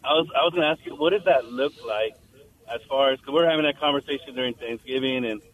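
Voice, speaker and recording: A man's voice: medium pitch, quick pace, fairly bright tone. A man calling in to a radio show, heard over a phone line, politely searching for words as he asks his question. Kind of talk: call-in question.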